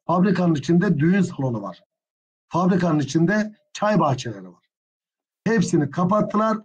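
A man's voice: sits high, darkish tone, breathy edge. A man from Turkey teaching a history exam prep lesson, talking to students as friends and getting openly indignant.

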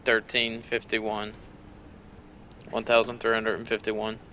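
A man's voice: fairly low pitch, monotone, takes it slowly, bright, forceful tone, slight background noise. A man playing an online game with a friend, casually and practically talking through loot and items.

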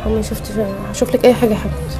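A woman voicing a weary, long-suffering mother in a cartoon, with an Egyptian accent, tender with her children and shrill when she argues. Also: steady tone, rapid-fire, natural voice. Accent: Egyptian Arabic. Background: background music.

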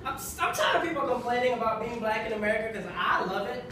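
A young man from Kenya performing a stand-up routine in a small comedy club, with a wry, conversational delivery and deadpan punchlines. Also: very high-pitched, fast talker, background noise. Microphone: handheld mic, filmed from far in the audience. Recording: echoey club from far off with audience laughter.

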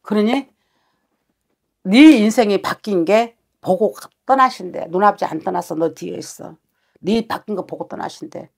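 A woman's voice: medium pitch, normal speed, creaky, a little mellow, husky. A woman shaman giving a fortune-telling session, talking bluntly and scolding with coarse words.

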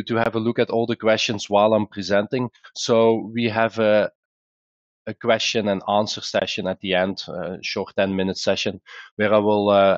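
A company founder with a Belgian accent presents a webinar in a conversational, explanatory manner, often pausing on "uh" and restarting sentences. His voice is lowish, the audio dull, and there is no room sound.

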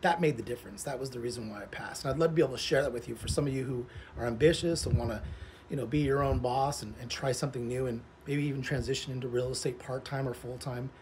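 A man's voice: mid-range voice, quick pace, darkish tone. Man chatting casually over noticeable outdoor noise. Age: forties. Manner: rambling, informal. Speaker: vlogger, social media content creator. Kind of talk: casual vlog chat to camera. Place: outdoors, in a pool. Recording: clearly noisy outdoor ambience.

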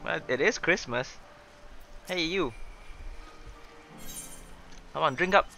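A man with a fairly high, creaky, bright and forceful voice does casual livestream game commentary as a virtual avatar host. He speaks slowly but playfully and exclamatorily, sometimes reading dialogue aloud, over game music.

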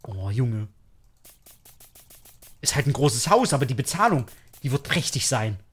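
A man giving joking, excitable let's play commentary on a horror game, talking to his viewers. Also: medium pitch, a little slow, breathy edge. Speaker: gaming YouTuber.

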